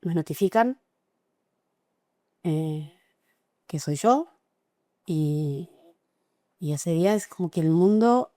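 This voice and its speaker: A middle-aged Argentine woman giving an emotional, halting personal account as an interview guest, with frequent restarts. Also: fairly low pitch, animated, warm tone, no room sound, clean studio sound. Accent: Argentine Spanish. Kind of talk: personal testimony in conversation.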